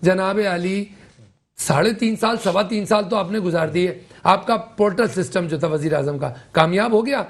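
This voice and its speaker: A man who is a political analyst guest, giving critical commentary and listing his points one after another. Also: sits high.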